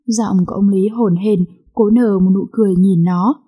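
Warm breathy woman reading a story. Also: mid-range voice, steady tone, normal speed. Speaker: story reader. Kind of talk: reading a romance novel aloud.

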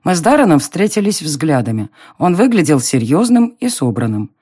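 A narrator reading a first-person novel aloud in an expressive storytelling manner. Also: medium pitch, moderate pace, slightly rough. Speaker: audiobook narrator.

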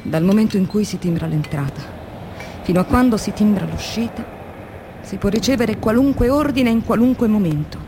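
Close to an everyday voice, mid-range and at a moderate pace, the actress sounds bitter and resigned, with background noise present. She plays an exhausted, anguished factory worker confiding in her diary in a dramatic radio monologue that moves between hushed and vehement.

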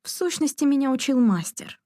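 A woman reading the lines of a spirited young woman in a novel, firm and sharply teasing, in a mellow, dry voice. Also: high-pitched, lively intonation, a little fast, dry recording, pitched above the performer's own voice. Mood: defiant. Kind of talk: audiobook character reading.

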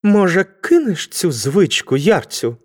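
A woman's voice: medium pitch, big pitch swings, slow pace, a little mellow. A woman voicing an anxious young man who talks hesitantly and pleads. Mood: pleading. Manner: hesitant, wheedling.

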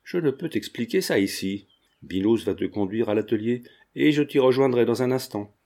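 A man's voice: mid-range voice, animated, moderate pace, a little mellow. A man reading the part of a resolute young man who speaks firmly and urgently. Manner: firm, urgent.

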